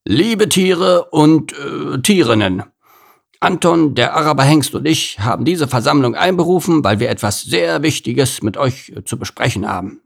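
A man's voice: on the high side, animated, normal speed, creaky, voice pushed up. A man reading a storybook and voicing a grumbling, overworked male circus gorilla who thinks himself an artist. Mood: pompous. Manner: grumbling, complaining, pompous when speechifying.

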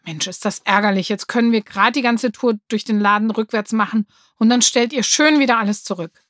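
A woman's voice: a little high, fairly quick, fairly bright tone, dry recording, clean studio sound, natural voice. A woman voicing a grumbling hardware store man who scolds children and gets flustered, in a storybook reading. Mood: scolding.

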